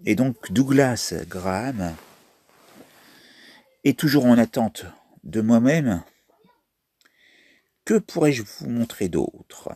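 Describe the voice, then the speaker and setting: Husky man chatting through a mobile game. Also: medium pitch, animated, takes it slowly, long pauses, mellow, dry recording. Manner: chatty, thinks aloud while playing. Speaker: mobile game video maker. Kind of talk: casual gameplay commentary.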